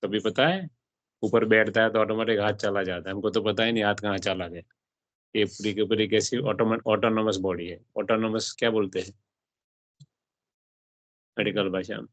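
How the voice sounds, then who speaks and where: Man giving a spiritual talk, low voice, dry close sound, quizzes his listeners. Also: fairly even intonation, normal speed, pauses often, no echo. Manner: asks the audience questions and mixes in English words. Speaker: spiritual teacher. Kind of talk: explaining a religious text to a class.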